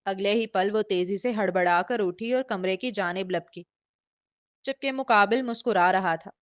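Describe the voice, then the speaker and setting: A woman's voice: medium pitch, moderate pace. A woman narrating a romance novel in a flowing, descriptive storytelling manner. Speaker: audiobook narrator.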